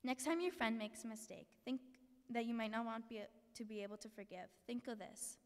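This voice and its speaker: A woman's voice: fairly high pitch, fairly even intonation, fairly quick. A teenage girl, a middle-school student, giving an earnest prepared speech at a podium in a school hall, reading from notes with small slips. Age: teens. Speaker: student speaker. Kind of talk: prepared speech read aloud. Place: large school hall with an audience. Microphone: podium mic, filmed from the back of the hall. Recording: long hall reverb, distant camera.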